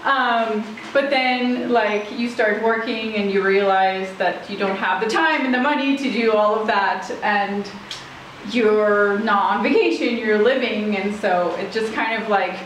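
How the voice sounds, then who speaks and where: Recorded far off in a very echoey room with faint noise, this woman from Switzerland chats casually as an interview guest and rambles as she searches for words. Her mid-range voice is unhurried and fairly bright, with a steady tone.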